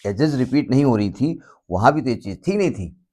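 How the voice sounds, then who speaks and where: A man teaches a maths lesson in an easy, talkative way. He repeats the key points and slips English terms into his explanations. His voice sits at a middle pitch, and he keeps pausing to check that his students are following. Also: lively intonation, darkish tone, husky. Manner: stops often to check that students understand. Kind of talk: classroom lecture.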